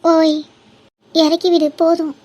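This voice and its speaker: A woman's voice: extremely high pitch, fairly quick, darkish tone. A woman voicing a playful young woman who teases her sweetheart in a cartoon love story. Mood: bossy. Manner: teasing, bossy banter. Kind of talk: cartoon voice acting.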